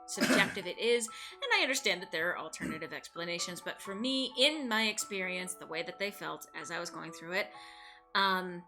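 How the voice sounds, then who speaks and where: A woman live streaming a game, reading aloud expressively and chatting with wry asides. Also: mid-range voice.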